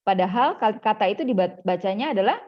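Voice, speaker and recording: A woman teaching an online English lesson, animated and jokey, switching between languages. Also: mid-range voice, quick pace, lo-fi sound. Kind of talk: online class lesson mixing Indonesian and English.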